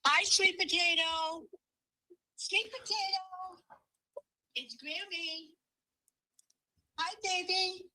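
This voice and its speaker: A woman heard over a speakerphone, calling in to chat, soft-spoken and heartfelt. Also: extremely high pitch, steady tone, very slow, pauses often, no room sound, low-quality recording. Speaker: guest calling in to a fundraiser stream. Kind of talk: casual chat.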